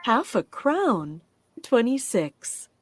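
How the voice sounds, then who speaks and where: A woman working as a bingo caller, announcing rhyming number nicknames in short, deliberate, separated calls. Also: a little high, very animated. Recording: loud music behind the voice. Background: loud music.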